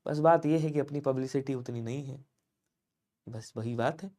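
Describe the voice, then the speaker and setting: A man from Lucknow, India, teaching a live online exam-prep class. He asks questions and answers them himself, and keeps urging viewers to comment quickly. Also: mid-range voice, mellow. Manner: drills answers by asking and answering his own questions. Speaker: Hindi teacher.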